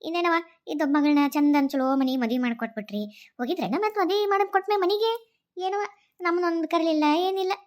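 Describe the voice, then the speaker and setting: A woman's voice: extremely high pitch, darkish tone. A woman with a North Karnataka Kannada accent voicing a chatty village neighbor in a cartoon story. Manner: chatty, quick rural banter.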